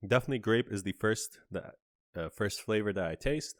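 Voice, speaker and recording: A man's voice: lowish voice, animated, fairly quick, no echo, studio quality. A man hosting a casual on-camera candy review, chatty and describing each flavor in detail with small asides. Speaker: candy reviewer, channel host.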